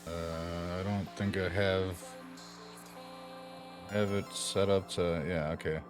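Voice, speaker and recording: Young male streamer, low voice, casual and profane, tinny AM-radio sound through a webcam mic, music underneath. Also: level tone, slow pace. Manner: laid-back, swears constantly, trails off mid-sentence. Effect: tinny AM-radio-like sound from picking up through a webcam mic. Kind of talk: casual chat while streaming. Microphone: webcam mic by mistake.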